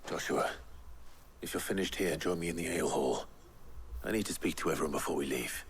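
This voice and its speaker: An actor playing a grave, commanding warrior leader in a fantasy video game. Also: male voice, a bass voice, brisk, breathy edge, exaggerated voice. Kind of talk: dramatic video game acting. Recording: game music playing behind the voice.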